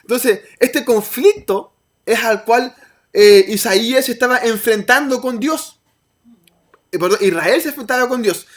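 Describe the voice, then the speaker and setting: A woman's voice: on the high side, fairly bright tone. A woman with a Chilean accent, a parent, teaching a church Bible class in an informal, hesitant sermon style that acts out the voices she quotes. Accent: Chilean Spanish. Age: adult parent of a child. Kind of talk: conversational sermon.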